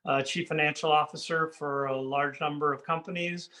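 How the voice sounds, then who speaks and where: Older guy intro as a judge, bright forceful voice a bit high, lots of uhs. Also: steady tone, normal speed. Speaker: competition judge. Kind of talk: informal self-introduction.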